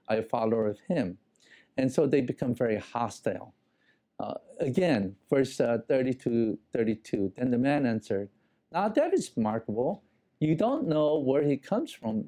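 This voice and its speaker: A man delivers a sermon, working verse by verse through a scripture passage. His voice is mellow and dark, sitting at an ordinary pitch for a man. He talks in a loose, conversational way, with fillers and restarts. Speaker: preacher.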